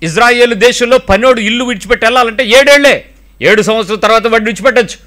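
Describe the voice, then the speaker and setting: A middle-aged male pastor delivers a sermon in a high, lively voice with a bright, ringing tone. He speaks rapid-fire, firing off rhetorical questions and now and then slipping in English phrases.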